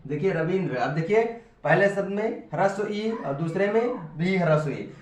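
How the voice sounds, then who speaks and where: A man's voice: high-pitched, expressive, moderate pace, a little hiss or hum. A man teaching a grammar lesson at a board, explaining step by step in a patient, repetitive way and often checking in with the class. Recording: echoey room, voice from far off.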